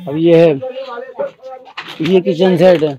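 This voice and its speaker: A man's voice: fairly high pitch, fairly even intonation, slow, crowd noise. A man who runs a toy shop, listing wholesale prices item by item in a matter-of-fact way. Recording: dull, lo-fi sound.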